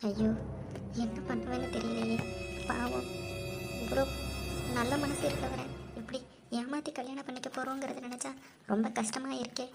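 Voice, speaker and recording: A woman voicing chatty young village women in a cartoon, with lively gossipy banter. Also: high voice, normal speed, vocal fry, pauses often. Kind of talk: cartoon voice acting. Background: background music.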